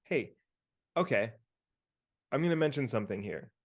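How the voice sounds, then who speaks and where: A man speaks over a video call as podcast co-host. He talks in a relaxed, meandering way, full of fillers, as he tells a personal story and gives listeners advice. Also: medium pitch, normal speed.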